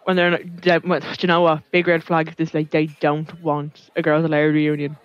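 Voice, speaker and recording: A woman's voice: low-pitched, flat delivery, fairly quick, no room sound. A young woman chatting casually and candidly as a podcast co-host, self-deprecating and swearing freely. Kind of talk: casual chat. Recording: dull lo-fi podcast audio.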